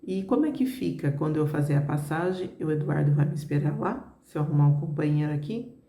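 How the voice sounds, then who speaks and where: A woman's voice: deep voice, expressive, fast, mellow, roomy sound. A middle-aged Brazilian woman with a Brazilian Portuguese accent, chatting to her viewers as she tells a personal story in a conversational way. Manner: conversational, fillers like "né" and "gente", addresses viewers directly. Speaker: travel vlogger.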